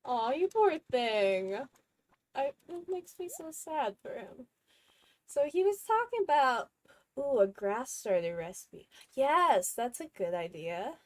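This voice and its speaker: A woman streamer chatting casually while gaming, expressive and laughing often. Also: high-pitched, a little slow, no room sound, rough recording.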